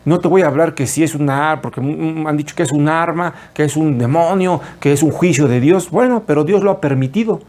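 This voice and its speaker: A man's voice: fairly high pitch, a little fast, hardly any pauses, a little mellow. A man preaching an earnest, explanatory sermon to his online channel. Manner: earnest, explanatory, lists words. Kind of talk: sermon teaching.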